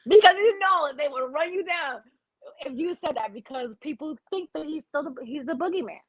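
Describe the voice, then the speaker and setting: A woman's voice: high voice, animated, a little fast, no echo, low-quality recording. A woman, pushing back hard in a casual sports debate and laughing often. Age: 40s. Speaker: co-host.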